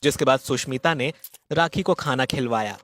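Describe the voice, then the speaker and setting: A man narrating a dramatized moral story in a steady, plain storytelling manner. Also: medium pitch, moderate pace, soft background music.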